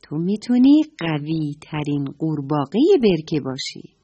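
A woman voicing a wise male owl, the forest doctor, who gives gentle, lecturing advice in a children's story. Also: low voice, big pitch swings, breathy edge, dry recording, pitched below the performer's own voice, heavily acted. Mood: kindly.

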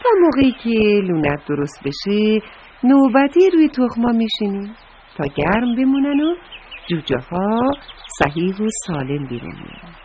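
A kind, sensible mother sparrow talks in a gentle, reassuring way, as a woman storyteller voices her. Her voice moves lively up and down, and the recording is dull and lo-fi with a faint hiss. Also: mid-range voice, lightly acted. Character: kind, wise female sparrow mother, small bird.

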